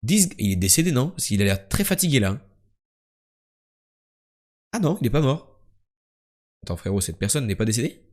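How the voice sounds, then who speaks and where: A young man streaming quiz games live, chatting casually and joking, jumping between loud bursts and low mumbles. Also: very animated, moderate pace, pauses often.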